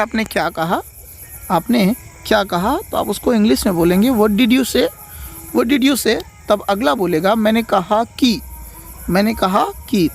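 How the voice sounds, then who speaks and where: High gravelly male English tutor. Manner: repeats each phrase slowly, explaining in Hindi. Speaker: English teacher. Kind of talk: spoken English lesson.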